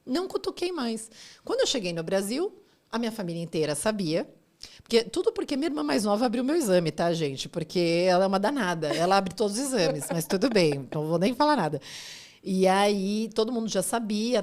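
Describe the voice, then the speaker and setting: A woman in her forties, a podcast guest, telling her own story in casual chat and acting out what others said. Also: medium pitch. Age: 40s. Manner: animated, acts out quoted voices.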